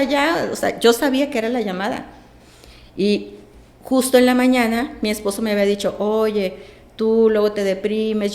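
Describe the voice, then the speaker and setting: A woman, a podcast guest telling a personal story with lively acted-out dialogue. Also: medium pitch, echoey room. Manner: animated, acts out quoted dialogue.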